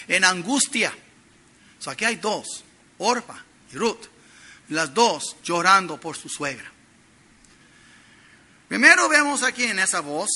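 A middle-aged male preacher with a high voice and a very bright, sharp, forceful edge to it. He teaches earnestly through a sermon, pushing lines out loudly for emphasis and then falling to near-quiet asides. The delivery feels like a pulpit talk. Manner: earnest teaching, swings between loud emphasis and soft drops. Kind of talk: expository sermon.

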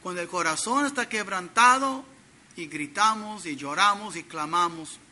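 A middle-aged male preacher with a high voice and a very bright, sharp, forceful edge to it. He teaches earnestly through a sermon, pushing lines out loudly for emphasis and then falling to near-quiet asides. The delivery feels like a pulpit talk. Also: lively intonation, normal speed. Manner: earnest teaching, swings between loud emphasis and soft drops. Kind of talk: expository sermon.

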